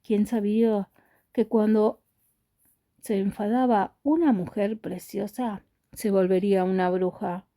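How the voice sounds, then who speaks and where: A woman reads a novel aloud in a calm, steady audiobook style. Her voice is very dark and mellow, and the recording is close and dry. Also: medium pitch, unhurried, no echo. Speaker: storyteller.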